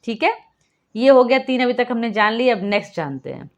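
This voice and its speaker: A woman's voice: on the high side, very animated, a little fast, darkish tone, dull audio. A woman teaching a phonics lesson, patiently explaining and repeating each rule and quizzing the viewer.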